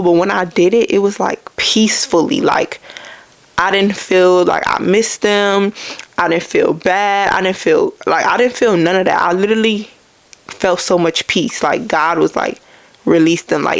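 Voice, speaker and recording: Chatty young woman with gravelly voice. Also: fairly low pitch, a little slow, dry recording. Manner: chatty, addresses listeners as y'all. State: out of breath. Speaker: podcast host. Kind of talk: casual faith talk.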